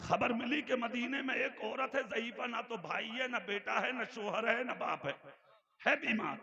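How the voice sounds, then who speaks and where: A man preaching an Islamic sermon to a gathering in a North Indian Urdu accent, swinging from shouted rhythmic oratory to soft, intimate talk. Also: very high voice, normal speed, vocal fry, dull audio. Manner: sing-song rhythmic repetition. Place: outdoor religious gathering.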